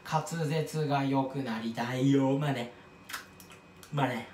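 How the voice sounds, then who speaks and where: A man's voice: mid-range voice, steady tone, takes it slowly, a little mellow, recorded from a distance, a little hiss or hum. A man talking to camera in a casual rambling monologue, mocking himself and tripping over his words as he drifts from tangent to tangent. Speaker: YouTuber commenting on another creator. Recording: roomy echo, voice off-mic.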